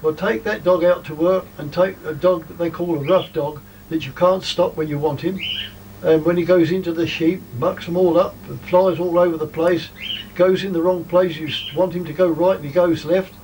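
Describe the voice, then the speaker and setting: A man's voice: fairly high pitch, fairly even intonation, normal speed, a little mellow. Older man, distant outdoor recording. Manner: rambling, plain-spoken, explanatory. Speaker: sheepdog trainer. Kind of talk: informal instructional commentary and advice. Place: outdoors in a field. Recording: distant mic, outdoor ambient noise.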